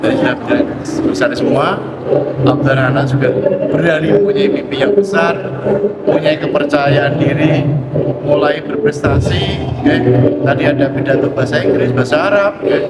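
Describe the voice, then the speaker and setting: A man from the school giving an interview statement, halting and uneven, filling gaps with "oke". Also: on the high side. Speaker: school official. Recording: roomy with loud background noise.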